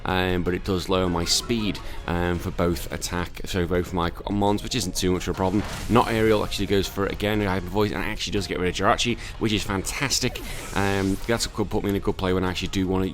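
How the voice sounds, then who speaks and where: A man's voice: low-pitched, level tone, brisk, few pauses, faint music behind. A tired man recovering from illness, casually commentating a Pokemon battle with lots of fillers and self-corrections.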